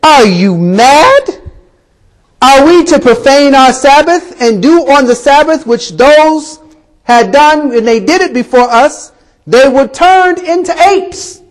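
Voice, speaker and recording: A man's voice: very high voice, big pitch swings, a little slow, pauses often, voice pushed up, exaggerated voice, poor audio. A man voicing a group of panicked besieged tribesmen in a retold story, speaking up in a raised, pleading, agitated way.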